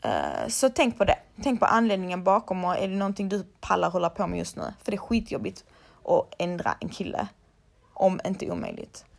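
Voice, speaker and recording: A woman's voice: fairly low pitch, wildly swooping pitch, creaky. A young woman, a laser hair removal technician, chatting casually and bluntly to her followers and swearing freely.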